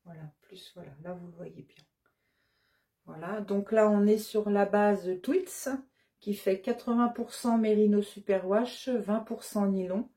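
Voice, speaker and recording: A woman presenting her shop's new yarn colors in a relaxed show-and-tell. She talks slowly and hesitantly, listing shade after shade with plenty of fillers, in a dark, mellow voice at a middle pitch. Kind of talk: casual product show-and-tell.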